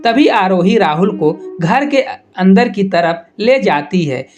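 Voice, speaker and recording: A man narrating a scripted love story at a steady, even reading pace. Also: high voice, takes it slowly, muffled recording, soft background music.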